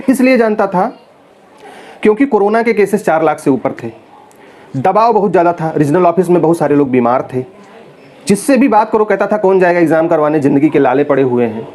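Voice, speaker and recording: Speaking a little high and a little mellow, a male teacher talks straight to camera to his students. His tone is casual, earnest and persuasive, and he often calls them children.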